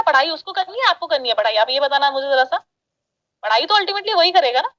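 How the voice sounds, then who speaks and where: A woman's voice: extremely high pitch, pushed and bright, muffled recording. A woman working as an education sales counselor, pressing a parent on the phone and talking over his objections. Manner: pushy, persuasive, talks over the caller. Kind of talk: sales call.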